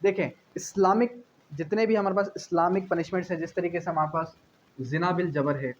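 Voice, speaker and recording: Speaking quickly in a high-pitched voice, this Pakistani-accented man explains law for exam preparation, shifting between reading clauses and breaking them down. He teaches didactically, repeating important phrases and posing questions he then answers himself. The recording sounds dull and lo-fi with a faint hiss.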